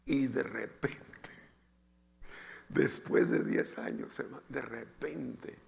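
A man preaching an emotional testimony sermon, swinging between loud outbursts and hushed near-whispers and often calling his listeners brother. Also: medium pitch, wildly swooping pitch, slow, gravelly. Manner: keeps addressing listeners as brother.

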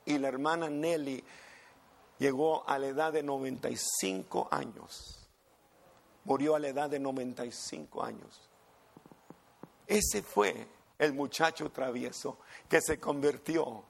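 A man's voice: mid-range voice, slow pace, creaky, pauses often. An older man, a pastor telling stories emphatically in a sermon. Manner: emphatic, storytelling preacher. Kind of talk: sermon storytelling.

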